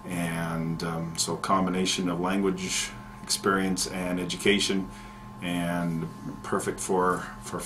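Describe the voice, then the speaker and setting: A middle-aged man speaks in a very low, steady voice that barely rises or falls. He answers interview questions in a measured way, pausing on fillers and restarting phrases. A faint hum of ambience sits behind him. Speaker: county economic development manager.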